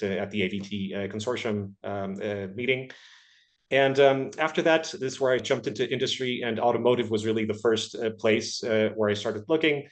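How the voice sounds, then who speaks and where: An Ecuadorian research engineer in his thirties answers interview questions at length. His voice is on the low side, and he sounds hesitant, full of filler sounds.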